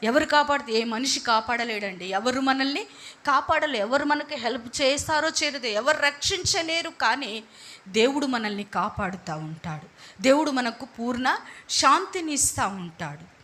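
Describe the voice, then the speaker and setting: High bright-voiced woman preaching. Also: lively intonation, normal speed. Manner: repetitive, exhorting, asks and answers own questions. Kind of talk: sermon.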